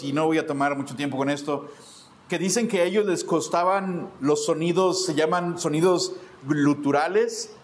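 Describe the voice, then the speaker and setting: A man preaching a sermon as pastor in a church, emphatic and expressive. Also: on the high side, slight background noise. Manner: emphatic preaching, acting out quoted voices. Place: church sanctuary.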